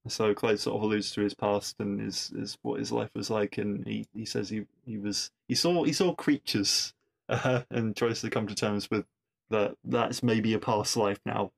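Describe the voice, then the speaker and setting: A man's voice: on the low side, level tone, moderate pace, gravelly. A man hosting a podcast, casually recapping a TV episode with wry asides and frequent restarts. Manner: chatty, wry asides, repeats words while thinking. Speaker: podcast host reviewing episodes.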